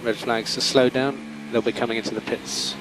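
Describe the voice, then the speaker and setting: A man's voice: medium pitch, steady tone, brisk, vocal fry. A man working as a race engineer, giving clipped, repeated instructions to a driver over race car radio. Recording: noisy team radio with car sounds.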